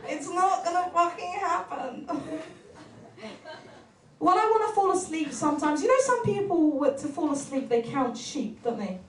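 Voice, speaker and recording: A woman's voice: very high-pitched, expressive, normal speed, background noise. A young woman performing stand-up comedy, telling stories animatedly, acting out voices and laughing often. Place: comedy stage. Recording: roomy venue sound from a distance.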